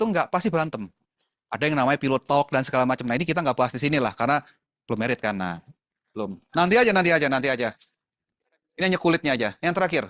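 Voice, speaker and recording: A man's voice: fairly high pitch, fairly bright tone, dry recording, studio quality. Chatty man. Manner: chatty, mixes in English words, addresses the audience as friends. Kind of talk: casual talk to a youth group.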